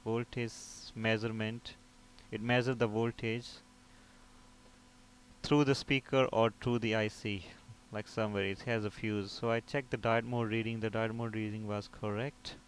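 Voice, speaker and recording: A man with a mid-range voice and level tone, speaking at normal speed, delivers an informal, stepwise technical tutorial. He's a repair technician instructor whose explanations regularly pose a question and answer it himself, recorded with a clear background.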